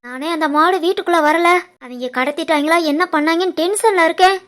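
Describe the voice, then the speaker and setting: A woman voicing a sharp-tongued, scheming older mother in an animated family drama, with a Tirunelveli Tamil accent. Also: extremely high pitch, brisk. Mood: irritated. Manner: grumbling, scornful.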